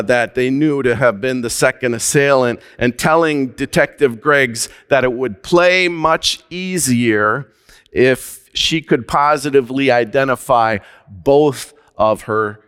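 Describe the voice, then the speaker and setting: A man preaching a sermon as pastor, measured and deliberate, with slow emphatic phrases. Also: medium pitch, fairly bright tone, clear, resonant tone, in a large hall.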